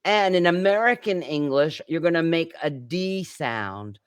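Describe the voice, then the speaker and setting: A woman's voice: low-pitched, expressive, unhurried, clean tone. A woman teaching English pronunciation in a class, drawing out each example word as she demonstrates it. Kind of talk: live online class instruction.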